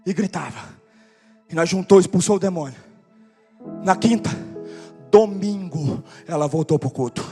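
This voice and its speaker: A male pastor telling testimonies in a sermon, animated, acting out the dialogue and building to shouts. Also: high-pitched, moderate pace, pauses often, long reverb tail, soft background music. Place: church conference.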